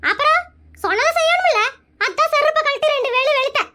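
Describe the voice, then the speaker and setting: A performer voicing a bold, sharp-tongued village wife in an animated comedy cartoon, answering back with quick defiant comebacks. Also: very high voice, very noisy.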